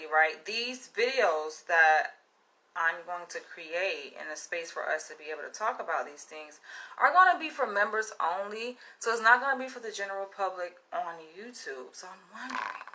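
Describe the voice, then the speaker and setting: A young Southern American vlogger chats casually straight to the camera, repeatedly calling her viewers "you guys." Her medium-pitched voice sounds pushed and bright.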